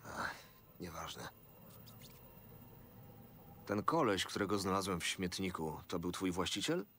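An actor voicing a gruff, skeptical male mercenary with a blunt, sarcastic manner in a video game, with faint noise behind. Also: deep voice, expressive, unhurried, a bit bright. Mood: wry.

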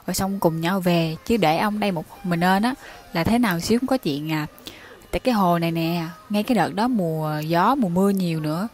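A woman's voice: medium pitch, darkish tone. A young woman casually retelling listeners' ghost stories, chatting directly to her audience and acting out the quoted lines. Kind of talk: casual spoken storytelling.

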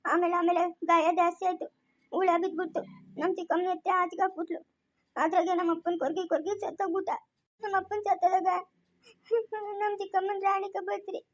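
A woman's voice: very high-pitched, level tone. Woman playing a timid, tearful young village woman. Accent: rural Chikkaballapur Kannada. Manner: soft, halting, tearful storytelling. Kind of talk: homemade village family skit.

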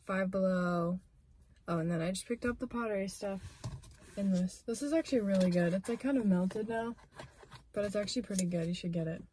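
A woman's voice: mid-range voice, brisk. A woman chatting casually to her phone camera in a car, rambling with lots of "like" and "um", her voice a little worn. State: losing her voice. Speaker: vlogger. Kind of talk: casual vlog chat. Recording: phone video with loud car noise. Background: loud car noise.

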